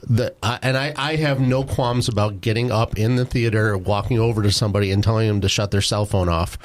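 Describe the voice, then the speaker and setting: A man's voice: fairly low pitch, fairly even intonation, a little fast. A man co-hosting a podcast, chatting casually and bluntly, with frequent restarts. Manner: blunt, confident, many restarts. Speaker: podcast co-host. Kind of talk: casual chat.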